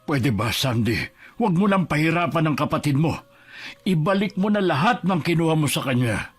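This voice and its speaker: A man's voice: sits high, expressive, normal speed, fairly bright tone, soft background music. An actor playing a stern older father who firmly scolds his daughter for taking her sister's money. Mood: reproachful.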